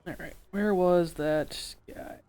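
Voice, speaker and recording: A woman's voice: fairly low pitch, slow pace, dark tone, clean tone, faint music behind. Woman doing casual game commentary. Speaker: gameplay commentator. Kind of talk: casual game playthrough commentary, reads text aloud.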